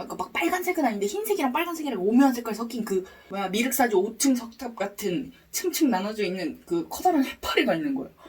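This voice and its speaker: A woman with a husky voice telling a personal story to viewers in a casual, expressive way, acting out her reactions. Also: medium pitch, distant mic. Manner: expressive, acts out her reactions and sound effects.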